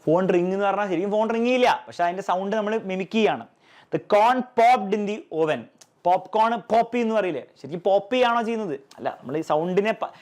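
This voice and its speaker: A high-pitched male teacher runs an exam revision lesson. He asks rhetorical questions, answers them himself, and keeps checking that his pupils have understood. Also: darkish tone.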